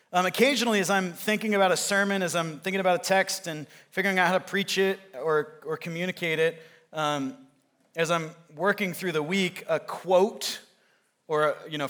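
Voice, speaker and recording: A man preaching a sermon in a church, talking conversationally and acting out movie lines as he tells a story. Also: a little high. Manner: conversational, animated storytelling with acted-out movie quotes. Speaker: pastor. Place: church sanctuary.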